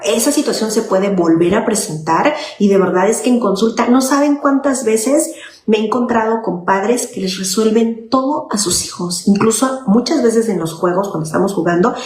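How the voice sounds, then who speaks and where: A woman's voice: mid-range voice, normal speed, a little mellow. A woman child psychologist, explaining parenting in an informal talk and often checking in with "okay?". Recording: echoey room with faint noise.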